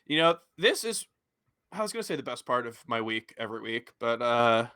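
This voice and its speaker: A man's voice: mid-range voice, big pitch swings, fairly quick, pushed and bright, clean tone, no echo, studio quality. A man hosting a casual podcast, joking and laughing often as he talks with friends. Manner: jokey, laughs often, playful bits. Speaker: podcast host.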